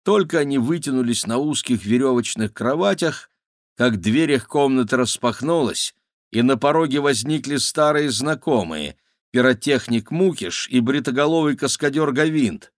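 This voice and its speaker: A man narrating a children's adventure audiobook with steady, lively storytelling. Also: mid-range voice, moderate pace, dry recording, studio quality.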